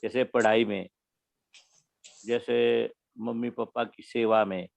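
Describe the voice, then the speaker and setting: Slow, gravelly-voiced man teaching. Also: mid-range voice, level tone, a little mellow, no room sound. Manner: slow, measured explaining with repeated phrases. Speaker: spiritual teacher. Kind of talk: spiritual talk to young listeners. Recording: dull lo-fi recording.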